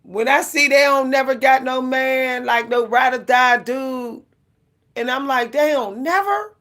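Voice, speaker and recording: Slightly slow and pitched high with a bit of brightness, this woman in her 40s hosts a livestream full of casual, sassy ranting. She talks colloquially, says things over again, and laughs a lot.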